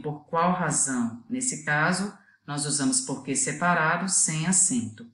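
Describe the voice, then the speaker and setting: A woman teacher with a Brazilian Portuguese accent talks through a video lesson in a low voice. She explains patiently and pauses to let the students work out the answer. The room around her is noticeably echoey. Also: fairly bright tone.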